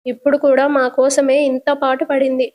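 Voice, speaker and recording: A woman's voice: sits high, a little fast, natural voice. A woman voicing a weeping, scolding old mother. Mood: tearful prayer. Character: older widowed mother, tearful and cursing her son.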